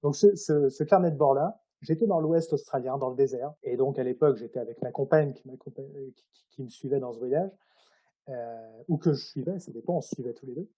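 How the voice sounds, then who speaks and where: A man's voice: medium pitch, a little fast, dark tone, husky. A man speaking informally and hesitantly as an author being interviewed. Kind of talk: casual interview, telling anecdotes about his own writing.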